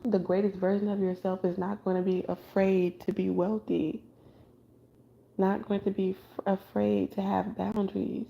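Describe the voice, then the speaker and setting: This woman, a tarot reader, has stayed up the whole night and talks through a late-night spiritual monologue in a blunt, conversational way, restarting often, using fillers and swearing casually. Her mid-range voice is creaky and level at a moderate pace, though the recording sounds muffled.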